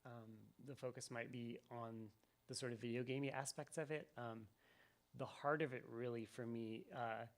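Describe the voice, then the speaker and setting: A game developer giving live commentary to an audience, talking in a thoughtful, rambling way with many ums and restarts. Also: male voice, medium pitch, fairly even intonation, normal speed. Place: event venue with audience.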